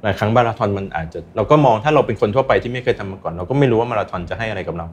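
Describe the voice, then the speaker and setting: A man's voice: fairly low pitch, rapid-fire, slight background noise. A man speaking as an interview guest, earnestly sharing personal experience and advice in a casual chat. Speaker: interview guest, recreational runner.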